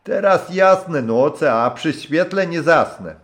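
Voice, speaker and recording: A man voicing a gruff, hoarse old retired river captain who barks and swears. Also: on the high side, expressive, slow, voice pushed up. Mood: hearty. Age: older. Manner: gruff, barking, swears a lot.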